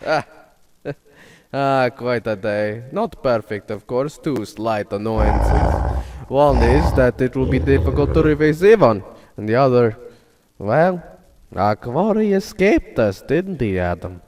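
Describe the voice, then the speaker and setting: A man's voice: medium pitch, lively intonation, slow, a little mellow. A man acting in a radio play as an urbane, gloating aristocratic general who hunts men, theatrical and condescending in manner. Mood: smug, weary. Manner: theatrical, condescendingly congratulatory, chuckling. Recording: noisy, with night insects behind.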